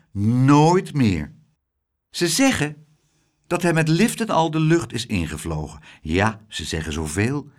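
A man voicing a sorrowful middle-aged mother who runs a flower shop, speaking in a plaintive, rising voice. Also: fairly high pitch.

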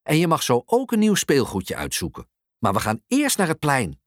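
A storyteller voicing a patient but strict mother in a children's storybook, speaking low, calm and firm. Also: moderate pace, dry recording, clean studio sound.

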